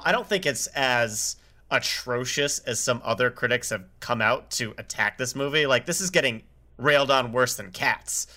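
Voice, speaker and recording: A man co-hosting a film podcast, critiquing a movie in a casual, halting way. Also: medium pitch, bright, forceful tone. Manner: halting, many fillers and restarts. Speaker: podcast co-host. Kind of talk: casual film review chat.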